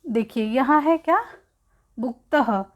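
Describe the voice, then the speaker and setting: Female teacher, higher-pitched, unhurried delivery, repeats each word while explaining the lesson. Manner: slow, repeats words, asks and answers own questions. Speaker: Sanskrit teacher.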